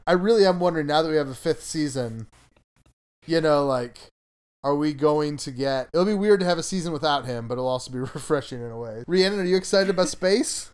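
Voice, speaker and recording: Smooth-voiced man hosting a podcast. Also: fairly high pitch, a little fast. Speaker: podcast host. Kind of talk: casual podcast chat.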